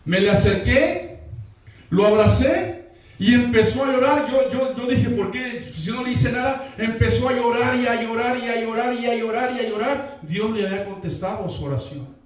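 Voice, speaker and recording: A male pastor with a very high-pitched voice preaches a sermon, driving his points home by repeating them and calling for responses from the congregation. His voice comes from well away from the microphone and rings through a strongly echoing church hall. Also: normal speed. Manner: repeats key lines and calls for congregation responses. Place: church sanctuary. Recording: echoey hall, voice from far off the mic.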